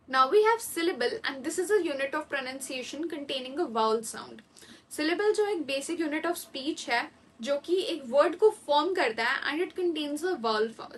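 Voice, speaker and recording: A woman teaching exam vocabulary, reading English definitions slowly and explaining them quickly in mixed Hindi and English. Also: high voice, fairly bright tone, distant mic, slight background noise, poor audio. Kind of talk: exam-prep vocabulary lesson.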